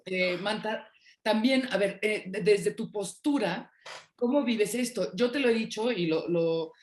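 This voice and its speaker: A woman's voice: mid-range voice, unhurried, darkish tone. Hesitant woman co-host with a Mexico City accent. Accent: Mexico City Spanish. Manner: rambling, hesitant with many fillers. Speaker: podcast co-host. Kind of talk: casual panel discussion.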